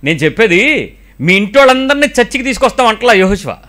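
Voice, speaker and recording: Middle aged pastor guy preaching, high pitched voice, bright and sharp, asks lots of questions at the crowd. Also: fast. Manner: animated, rhetorical questions, mixes in English phrases. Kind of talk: sermon.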